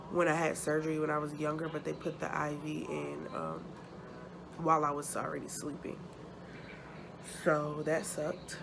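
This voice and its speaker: Low, gravelly woman, sore after surgery. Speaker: vlogger. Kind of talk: casual chat, personal update to camera. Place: hospital room. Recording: noticeable background noise.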